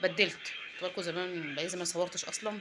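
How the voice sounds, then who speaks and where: Rapid-talking Egyptian woman vlogging at home. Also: lowish voice. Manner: rapid, chatty, addresses viewers directly. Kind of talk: casual home vlog narration. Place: small apartment indoors. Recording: noisy home phone recording.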